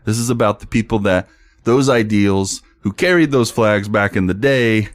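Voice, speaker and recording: Blunt, deep-voiced young man, sports podcast. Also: normal speed, no room sound, clean studio sound. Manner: blunt, profane, laughs often, reads tweets aloud. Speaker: podcast co-host. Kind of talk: casual sports podcast chat.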